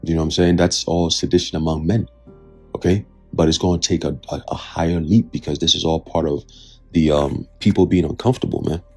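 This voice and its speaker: A man with a husky, gravelly low voice delivers casual commentary on his own channel. He is blunt and swears freely, circling back to his points with "okay?" and "right?". Faint music plays under his voice. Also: steady tone, a little fast, a little mellow. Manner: reads from a news article aloud between remarks. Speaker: channel host giving prophecy commentary.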